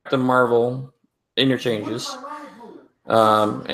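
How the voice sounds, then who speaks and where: A man chatting casually about movies over a remote call whose audio breaks up and drops out, pausing with fillers. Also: mid-range voice, flat delivery, a bit bright. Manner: hesitant, with many fillers. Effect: call breaking up and dropping out. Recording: lagging call audio, distant at times.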